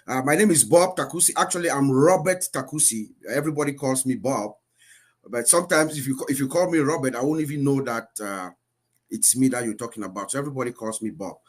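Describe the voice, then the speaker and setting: A man's voice: medium pitch, quick pace, slightly rough. A man in his fifties who grew up in Cameroon, a guest speaker telling his life story on a live stream in an earnest, repeating way. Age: 50s.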